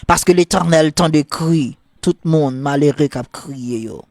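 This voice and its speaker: A man with a Haitian Creole accent, a priest leading a morning prayer sermon in a fervent, repetitive cadence, moving into softly murmured prayer. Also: on the high side, normal speed, no echo, studio quality.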